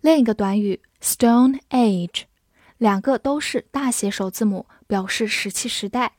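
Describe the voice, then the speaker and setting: A woman teaching English vocabulary, who spells words letter by letter and reads example sentences slowly. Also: on the high side, darkish tone, no echo, clean studio sound. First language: Chinese. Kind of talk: slow, clear vocabulary lesson.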